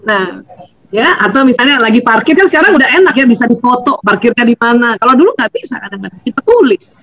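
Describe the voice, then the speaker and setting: Animated woman lecturer. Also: on the high side, fast, low-quality recording. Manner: animated, chatty, laughs often, acts out quotes. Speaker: seminar speaker on family relationships. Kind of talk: lively seminar talk.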